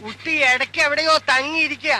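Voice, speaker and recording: A man's voice: very high-pitched, fairly even intonation, fast. An actor playing an anxious, deferential male servant in a film drama. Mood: worried. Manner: worried, deferential. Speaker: household servant. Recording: loud noise in the background.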